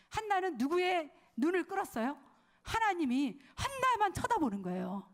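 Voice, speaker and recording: In a high-pitched voice, a pastor's wife delivers a sermon to a women's worship service. Her storytelling is lively, with acted-out quotes, questions for the audience, and occasional dips into a whisper.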